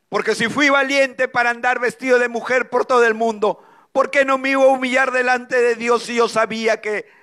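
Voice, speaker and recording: Middle-aged man, high voice, church conference testimony, emotional, dramatic pauses. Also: a bit bright. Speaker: speaker giving a testimony.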